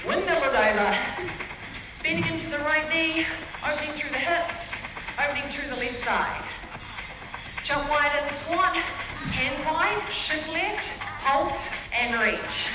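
A woman's voice: high voice, expressive, takes it slowly. A woman instructing a group fitness class, calling out moves and counts to the group in an upbeat, encouraging way. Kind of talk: calling out exercise cues with counts. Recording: echoey hall, distant mic, loud music. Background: loud workout music.

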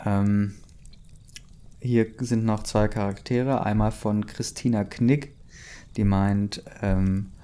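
A man's voice: on the low side, fairly even intonation, slow, dark tone, clean tone. A man reading a story aloud, breaking off for dry, mocking asides. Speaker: reader of fan fiction.

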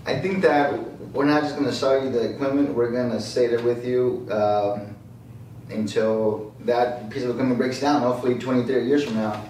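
Modest, soft-spoken male technician, heard from across a roomy room. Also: medium pitch, fairly even intonation, normal speed, slight background noise. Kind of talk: casual interview chat. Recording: roomy, distant from the mic.

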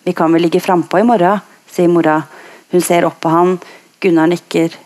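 A woman reading a literary passage aloud in a slow, measured way. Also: on the low side, fairly even intonation, darkish tone.

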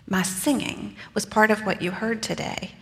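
A woman's voice: mid-range voice, fairly even intonation, normal speed, gravelly, long reverb tail, natural voice. A woman preaching in the first person as Mary, a young mother telling her own story in an earnest, conversational way with casual asides, in a church. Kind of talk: first-person dramatic sermon monologue.

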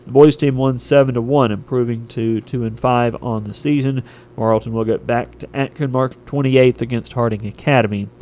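A man's voice: medium pitch, steady tone, moderate pace, darkish tone, poor audio. American man reading local radio sports and weather. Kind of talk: radio sports and weather report, read from copy.

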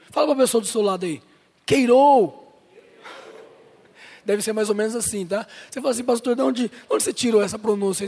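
A male pastor preaching to his congregation, with a strikingly high, breathy voice. He jokes and talks straight to the people in the pews. The recording carries the long reverb of a large church hall. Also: darkish tone. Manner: playful, jokes with and addresses the congregation. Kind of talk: sermon. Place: church service.

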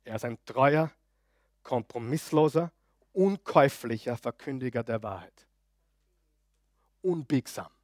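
Emphatic pastor preaching. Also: male voice, medium pitch, animated, a little slow, long pauses, no room sound, studio quality. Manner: emphatic, swings between loud declarations and quiet asides; asks the audience frequent questions. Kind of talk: sermon.

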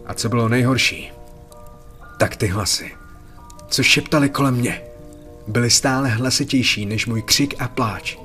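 A man's voice: medium pitch, pushed and bright. Man narrating a horror story over faint music.

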